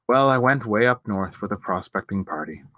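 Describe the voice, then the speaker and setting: A man voicing a sturdy young man, a warm big brother who speaks soberly and earnestly, in a storybook reading. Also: on the low side, lively intonation, moderate pace.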